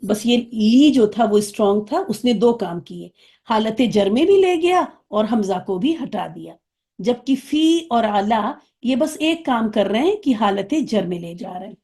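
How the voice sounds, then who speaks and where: Woman teacher, fairly high and mellow, patient explainer, checks in with students. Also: expressive. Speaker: Arabic teacher. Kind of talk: online class lesson.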